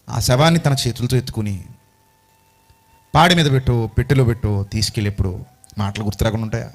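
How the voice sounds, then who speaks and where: A man preaching an emotional sermon, passionately firing rhetorical questions at his congregation. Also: mid-range voice.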